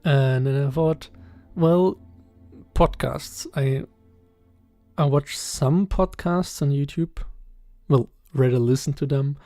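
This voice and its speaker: Slow, mellow-voiced German-accented young man. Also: mid-range voice, no echo, soft background music. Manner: hesitant, halting, with many fillers and soft chuckles. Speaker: channel host. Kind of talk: casual podcast-style voiceover. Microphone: voiceover recorded separately.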